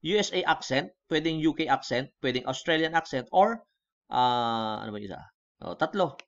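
A man with a Filipino accent talking through a software tutorial in a casual way, switching between Tagalog and English and often checking in with the viewer. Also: medium pitch, expressive, normal speed, lo-fi sound. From Philippines. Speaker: online tutorial host. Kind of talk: screen-recorded software tutorial.

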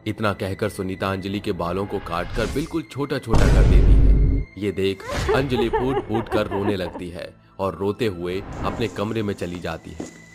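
A man narrating an animated family story in a steady storytelling manner. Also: deep voice, measured pace, over loud music.

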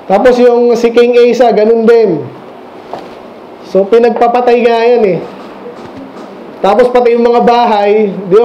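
A man's voice: high voice, warm tone, a little hiss or hum. A man preaching an informal Sunday evening sermon as pastor, talking conversationally and quizzing the children in his congregation. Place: small church mission hall. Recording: echoey, dull lo-fi room recording.

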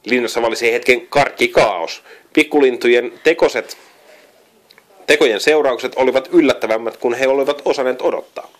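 A man reading a children's storybook aloud, often stumbling and correcting himself. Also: mid-range voice. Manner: frequent slips and self-corrections while reading. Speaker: reader.

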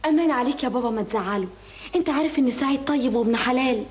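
An actress playing a gentle young daughter with an Egyptian accent, softly pleading on her brother's behalf. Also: high-pitched, rapid-fire, a little hiss or hum, lightly acted. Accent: Egyptian Arabic. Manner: soft, pleading. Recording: long reverb.

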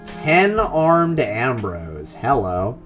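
A man's voice: medium pitch, sing-song, drawn-out words, a bit bright, soft background music. A man hosting a game playthrough, reading the game's descriptive text aloud with casual asides. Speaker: let's play host reading game text.

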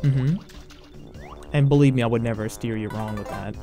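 A man giving casual gameplay commentary as a let's play host, rambling and halting with many fillers and restarts. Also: mid-range voice, warm tone, soft background music.

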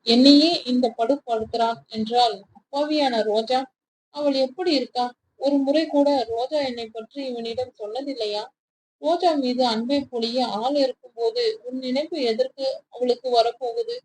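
A woman storyteller reading a romance story aloud in an expressive, dramatic way. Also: a little high, normal speed, slight background noise, low-quality recording. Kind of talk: storytelling narration.

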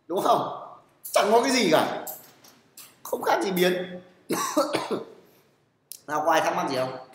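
A man lectures a class on programming, his voice sitting a little high. He is blunt and teasing, constantly checking whether the students follow and putting them on the spot. The room is echoey, and a long reverb trails behind each phrase. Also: big pitch swings, takes it slowly, long pauses. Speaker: programming teacher.

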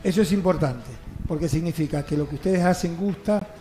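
Interviewer, mid pitch, lots of "claro" and "ajá" style nods. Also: fairly quick, dark tone. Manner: affirming, asks short questions. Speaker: radio host. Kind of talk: casual interview.

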